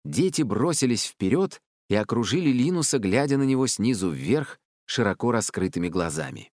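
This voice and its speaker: A man narrating an audiobook in an expressive, varied manner. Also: mid-range voice, moderate pace, no echo, studio quality.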